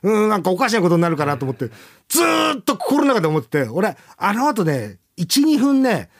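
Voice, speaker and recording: A man's voice: high-pitched, huge pitch swings, fairly quick. A man hosting a radio after-talk, chatting casually and rambling with laughs between lines. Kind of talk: casual chat.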